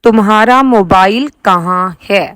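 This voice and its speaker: A woman's voice: medium pitch, fairly bright tone, clean tone, dry recording. Woman reading short prompt sentences. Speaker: prompt reader.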